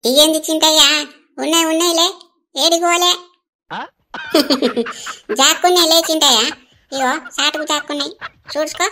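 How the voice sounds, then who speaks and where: A woman's voice: high-pitched, moderate pace, long pauses, sharp tone. A woman playing a teasing village grandmother with a Telangana Telugu accent. She coaxes and teases her grandson. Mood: coaxing. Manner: teasing, coaxing.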